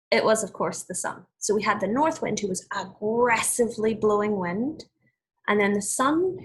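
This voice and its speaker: Reading a fable teacher-style for small children, this woman has a very husky, breathy, mid-range voice, captured in a rough recording. Her expressive, deliberate delivery includes explanations and questions aimed at the listener.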